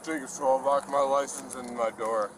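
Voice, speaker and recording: A man's voice: mid-range voice, fairly even intonation, moderate pace. A man who was just in a car crash, talking to a police officer and slurring his words at a roadside. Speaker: driver stopped by police. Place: roadside at night. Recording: noisy outdoor bodycam audio with traffic.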